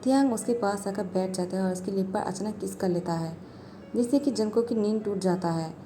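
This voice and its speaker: A woman's voice: medium pitch, brisk, dark tone, faint music behind. A woman narrating a fan story and voicing every character herself with little change.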